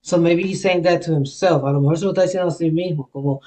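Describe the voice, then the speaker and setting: A woman's voice: lowish voice, fast talker, mellow. A woman hosting a reaction video, switching between Spanish and English as she explains lyrics and thinks aloud. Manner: thinks aloud, restarts and self-corrects. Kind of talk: casual reaction commentary.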